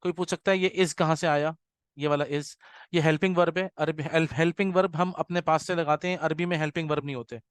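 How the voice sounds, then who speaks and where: A patient man teaching a grammar class, repeating examples slowly and checking in with his students. His voice sits a little high and comes across smooth and crisp. The sound is dry and close, with no room echo. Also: fairly even intonation. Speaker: Arabic teacher.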